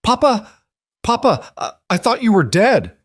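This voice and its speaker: A man voicing a frightened, tearful young boy in a storybook reading, his voice high and strained. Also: big pitch swings, unhurried, husky, dry recording, exaggerated voice. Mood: panicked.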